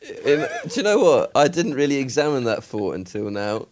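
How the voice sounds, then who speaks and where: A man's voice: mid-range voice, very animated, normal speed. A man co-hosting a podcast, chipping in with dry, teasing remarks. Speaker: podcast co-host. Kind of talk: casual chat.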